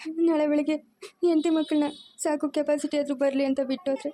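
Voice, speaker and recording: A woman's voice: a little high, steady tone, a little fast, darkish tone, no echo, clean studio sound, lightly acted. A woman playing a stern, wounded mother. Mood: bitter reproach. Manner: scolding, lecturing firmly. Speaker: mother-in-law. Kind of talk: amateur family drama acting.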